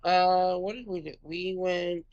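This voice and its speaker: A woman with a lowish, gravelly voice talks through her game in an easygoing, halting way full of fillers. The sound is dull and lo-fi, recorded at home. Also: steady tone, darkish tone. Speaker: gaming streamer. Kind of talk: casual gameplay commentary. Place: home room.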